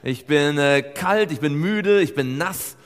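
A man's voice: a little high, unhurried. A man interpreting a sermon live, with some hesitant restarts. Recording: long hall reverb.

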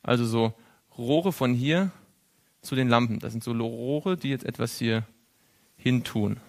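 A man leads a Bible study in a church group room, talking at a mid pitch. He keeps turning to the group with questions and chuckles now and then as he sketches on a board. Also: unhurried, vocal fry, a little mellow. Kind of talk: interactive Bible study lesson.

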